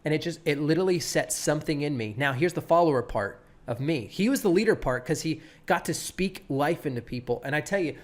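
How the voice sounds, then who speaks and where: A man's voice: on the high side, a little fast, few pauses. Pastor guy in his 30s, laid-back surfer-ish voice, acts out quotes, lots of restarts. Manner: animated, quotes people, many restarts. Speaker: pastor and podcast guest. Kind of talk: casual storytelling interview.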